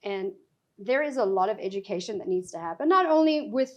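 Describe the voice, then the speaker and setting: A woman's voice: medium pitch, animated, a little fast. A woman, a regional sales director, chatting as a guest in an interview, emphatic and enthusiastic. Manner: emphatic, enthusiastic, laughs easily. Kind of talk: casual interview chat.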